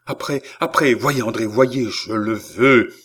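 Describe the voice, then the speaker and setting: A man voicing a commanding male mesmerist who gives slow, insistent orders in an audiobook reading. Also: mid-range voice, fairly bright tone, husky.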